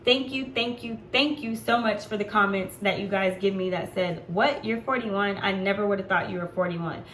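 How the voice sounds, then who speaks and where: A woman's voice: medium pitch, moderate pace, fairly bright tone. A woman in her forties talking to camera in a casual vlog, chatty and unfiltered, with frequent ums. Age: 40s. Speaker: vlogger. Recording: echoey room with faint background noise.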